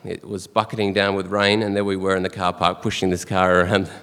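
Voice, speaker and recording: An Australian man giving a fond, earnest funeral eulogy for his father, with soft chuckles between memories. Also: sits low, completely flat delivery, brisk, clean tone. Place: church or funeral hall. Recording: long hall reverb.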